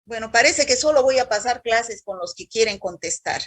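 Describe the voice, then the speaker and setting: A woman's voice: a little high, lively intonation, moderate pace, slightly rough, no echo. A woman teaching a university microbiology class over a video call, quizzing students by roll call in a stern, scolding way.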